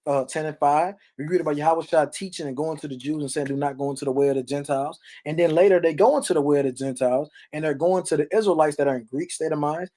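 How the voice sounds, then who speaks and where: A man with a somewhat high, slightly mellow voice leads a read-along Bible teaching. He reads verses and explains them in colloquial, emphatic preaching, constantly checking in with tag questions like "right?" and "okay?"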